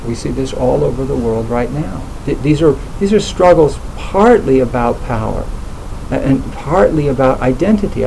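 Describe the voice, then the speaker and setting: Hesitant man with a gravelly voice. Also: fairly high pitch, dark tone, slight background noise, low-quality recording. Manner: hesitant, many fillers and restarts. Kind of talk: reflective conversational talk.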